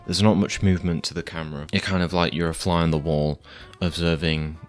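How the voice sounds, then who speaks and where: A man's voice: low-pitched, flat delivery, a little fast, faint music behind. A man giving casual film reviews in a laid-back, rambling, slightly hesitant way.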